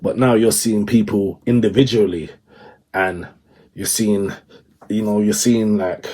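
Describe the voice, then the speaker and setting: A man's voice: on the low side, warm tone, breathy edge. A man in casual podcast chat, talking emphatically and often checking that the listener follows.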